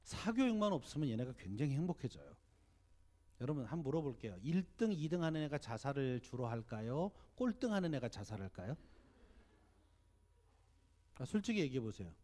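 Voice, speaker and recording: A man in his fifties, a pastor, giving a church seminar sermon, telling animated stories and asking the audience questions. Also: mid-range voice, brisk, long pauses.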